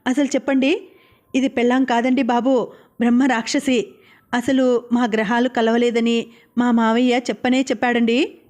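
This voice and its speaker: A woman's voice: fairly high pitch, a little mellow, lightly acted. A woman voicing an aggrieved, stubborn husband who complains indignantly.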